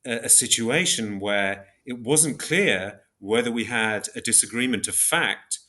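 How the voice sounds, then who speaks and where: In an interview, the guest, a man with a mid-range, sharp-toned voice, explains concepts in a precise, deliberate academic way. Thinking as he goes, he often repeats himself and reformulates.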